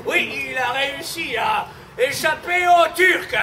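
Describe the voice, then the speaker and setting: An actor playing a blustering old Venetian merchant on stage, with booming comic exclamations. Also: male voice, expressive, slow pace, raised voice, crowd noise, heavily acted. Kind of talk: live commedia dell'arte stage comedy. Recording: distant stage mic, audience and room noise.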